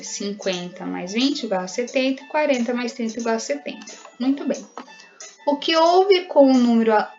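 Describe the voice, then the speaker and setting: A woman's voice: fairly high pitch, muffled recording. A woman with a Brazilian Portuguese accent, a primary school teacher taking her pupils patiently through exercises step by step. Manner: patient, explains step by step and often checks in with "né?" and "certo?". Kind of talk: recorded remote lesson, correcting exercises.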